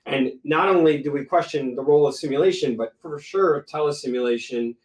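A man's voice: a little high, brisk, roomy sound, far from the mic, poor audio. A man moderating a medical panel discussion, explaining terms plainly and making joking asides.

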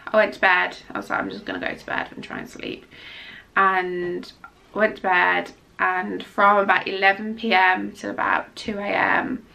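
A woman's voice: medium pitch, vocal fry, bright, forceful tone. A young woman giving a casual pregnancy update vlog, rambling and emotional, exhausted and near tears, with lots of ums and restarts. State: exhausted and tearful. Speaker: vlogger.

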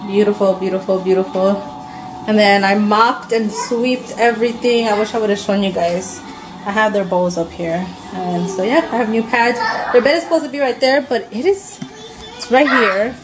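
A woman's voice: mid-range voice, noisy background. A young woman chatting casually to the camera at home in a day-in-the-life vlog, rambling with lots of fillers and sounding tired. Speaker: vlogger. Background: soft background music.

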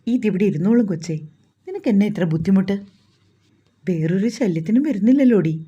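A woman's voice: mid-range voice, animated, a little fast, mellow, breathy edge. A woman reading the lines of a playful young man who teases his bride-to-be. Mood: teasing.

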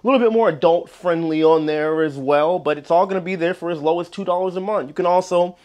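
A man's voice: a little high, a little fast, a little mellow. A man in his thirties, chatty and candid, talking straight to viewers as he vlogs through a cruise ship on a phone held at arm's length. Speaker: cruise vlogger. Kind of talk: casual vlog narration. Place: cruise ship corridors and venues, indoors. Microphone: phone camera held at arm's length.

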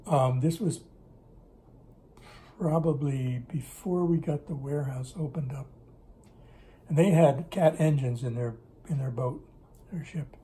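Recorded by a camera set on the kitchen table in front of him, an older man reminisces about business in Russia during a relaxed interview at home. His voice is medium-pitched and dark, and he talks a little slowly with frequent pauses, wandering off track and correcting himself as he tells his stories.

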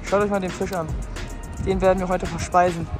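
A man's voice: high voice, flat delivery, a little fast, music in the background. A young man filming himself on a phone, talking straight to his viewers in a hyped, slangy vlog style as he walks through the city and the gym. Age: young adult. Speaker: vlogger. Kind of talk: casual vlog narration. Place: city streets, hotel and gym, in and out of doors. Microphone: phone camera at arm's length.

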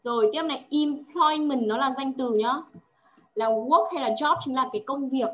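A woman's voice: sits high, normal speed, fairly bright tone. Patient woman tutoring. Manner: patient, drills words with frequent check questions. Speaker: English tutor. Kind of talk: one-on-one language lesson.

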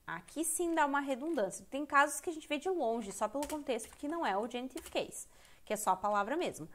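A Brazilian woman with a fairly high voice teaches English in a live online lesson. She talks candidly and chattily and often breaks off mid-sentence to restart her thought. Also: lively intonation, brisk, fairly bright tone. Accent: Brazilian Portuguese. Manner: candid, chatty, self-interrupting. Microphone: computer mic on a live stream.

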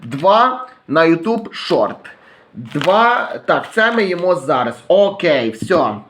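A man's voice: high voice, big pitch swings, slow pace, a bit bright. A young man from western Ukraine, chatting casually as he reads viewer comments aloud in his vlog. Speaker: YouTube vlogger.

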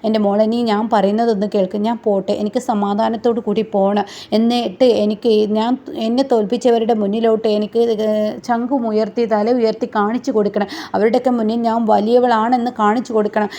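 A woman's voice: a little high, flat delivery, brisk, mellow, natural voice. Woman voicing a despairing young policewoman. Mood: resolute. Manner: pleading, tearful.

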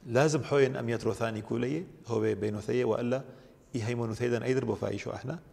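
A man's voice: medium pitch, fairly even intonation, very fast, gravelly, a little mellow, in a large hall. A man, a priest, explaining religious teaching at length on a TV program. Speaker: priest guest.

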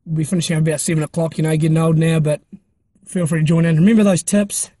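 A young man talking to his phone on a hill walk, joking in a deadpan way as he walks. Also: fairly high pitch, quick pace, slightly rough, no room sound. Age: young adult. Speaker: vlogger. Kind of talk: casual walking vlog. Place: outdoors on a hill walk in a park. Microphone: phone at arm's length.

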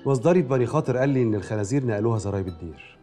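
An actor playing a world-weary, calculating senior security official with an Egyptian accent, in a TV drama. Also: male voice, mid-range voice, animated, very fast, warm tone, soft background music, lightly acted. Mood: weary scheming. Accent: Egyptian Arabic. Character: weary scheming senior security chief, man. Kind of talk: TV drama acting.

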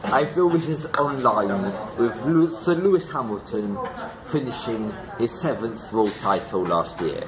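This man, mid-range in pitch and animated but measured, hosts a tipsy pub-crawl vlog through busy London, joking and rambling as he scores each pub after a day of drinking. The audio is poor, with loud crowd chatter behind him.

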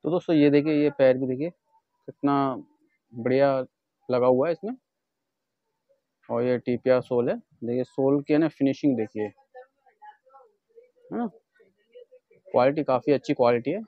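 An Indian vlogger, speaking at a medium pitch and normal speed with frequent pauses, gives a chatty walkthrough of leather shoes he's showing for wholesale. He often addresses his viewers as friends in this casual product demo. The phone-quality audio has no room sound.

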